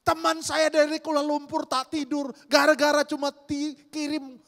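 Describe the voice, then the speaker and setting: A man's voice: little pitch movement, normal speed. Man preaching in a reverberant hall. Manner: swings between loud high exclamations and soft low murmurs; keeps addressing the congregation as "saudara". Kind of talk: sermon. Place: church hall. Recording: long reverb of a large hall.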